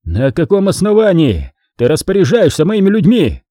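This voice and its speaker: A shaky, blustering aging mafia boss as a male narrator puts him on in a storybook. He talks a notch higher than the narrator, in a husky, mellow voice. The sound is dry and close. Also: very animated, unhurried, no room sound.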